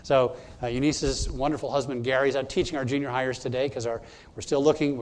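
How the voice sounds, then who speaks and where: At a church service, a pastor delivers his sermon fairly quickly in a mid-range voice with fairly even intonation. He speaks emphatically and directly to his congregation, teaching through his points in order.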